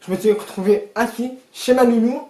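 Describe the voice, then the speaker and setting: Garçon qui raconte, pièce qui résonne. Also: male voice, very high-pitched, brisk. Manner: rambling, animated, joking asides to viewers. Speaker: storyteller vlogger. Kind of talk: casual storytime vlog. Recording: echoey room.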